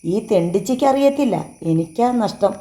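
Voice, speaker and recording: A woman's voice: mid-range voice, animated, moderate pace, warm tone, natural voice. A woman voicing a drunk, bitter middle-aged man who rants abusively in a storybook reading.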